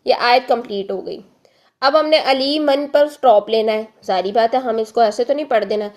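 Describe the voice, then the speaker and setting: A woman teaching a recorded lesson on reading the Quran, explaining patiently and often checking in with the listener. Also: fairly high pitch. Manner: draws out example syllables slowly and loudly.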